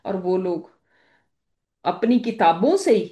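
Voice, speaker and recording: A woman's voice: mid-range voice, big pitch swings, slow, warm tone. A woman giving a religious lecture as a Quran teacher, explaining points through worked examples and rhetorical questions.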